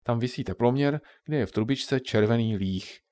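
A man's voice: mid-range voice, mellow, dry recording, lightly acted. Man reading as a patient old grandmother. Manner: patient, explanatory. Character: kindly old grandmother explaining science to grandchildren.

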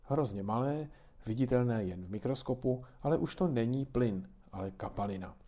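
A man's voice: mid-range voice, expressive, natural voice. A man voicing patient kindly grandmother. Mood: patiently explaining. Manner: patient, gently explaining. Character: kindly grandmother explaining weather to children.

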